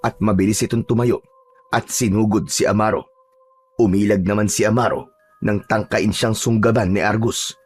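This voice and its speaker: Husky male horror-story narrator. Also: lowish voice. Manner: steady storytelling.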